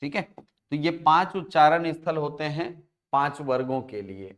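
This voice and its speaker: A man teaching an exam-prep class, explaining step by step and asking and answering his own questions, with a Chhattisgarh Hindi accent. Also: a little high. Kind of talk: classroom lecture.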